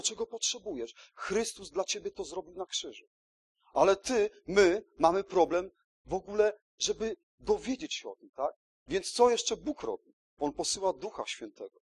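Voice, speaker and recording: A man's voice: high voice, husky. A man preaching a sermon in an emphatic way, repeating key words and often checking in with his listeners.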